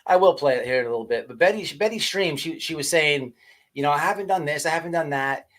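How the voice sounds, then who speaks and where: Quick and a bit bright, a highish male voice belongs to a livestream host chatting informally with his audience. He swears in slang while ranting, regularly stammering and repeating himself.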